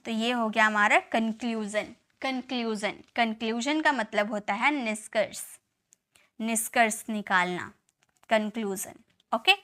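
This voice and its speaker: A woman's voice: on the high side, a little slow, bright, forceful tone. A woman teaching English spelling to viewers. She spells words out letter by letter, repeats them, and checks in with the learners often. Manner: addresses viewers directly. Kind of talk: classroom-style spelling lesson.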